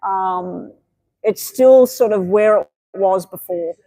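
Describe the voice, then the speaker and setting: A woman's voice: medium pitch, takes it slowly, dark tone, no room sound, poor audio. A woman giving tarot readings on a live stream, chatty and meandering, with many fillers. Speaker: tarot reader.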